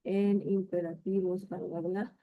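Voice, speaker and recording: A woman's voice: on the low side, little pitch movement, measured pace, narrow, tinny audio. A native Spanish-speaking woman from Latin America who teaches Arabic vocabulary, thinking aloud and checking in with her listeners. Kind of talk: explaining Arabic vocabulary in a lesson.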